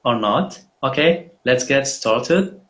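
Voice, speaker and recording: A man's voice: medium pitch, expressive, slow, fairly bright tone. A man hosting a live online mock job interview over a video call, speaking in a friendly, hesitant way with frequent fillers.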